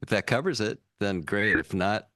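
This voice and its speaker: A man with a fairly low voice talks through money rules on a podcast in an easygoing, plain way. The sound is dry and close. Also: lively intonation, moderate pace, sharp tone, no echo. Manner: easygoing, explains finance plainly. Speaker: co-host, financial advisor. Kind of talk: casual podcast banter.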